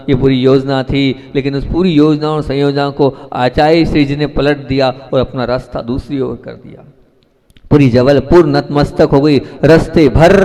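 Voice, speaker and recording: Male Jain monk, sermon; slightly high voice, repeats lines for emphasis; long hall reverb. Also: darkish tone. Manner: storytelling, repeats phrases for emphasis. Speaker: Jain monk giving a discourse.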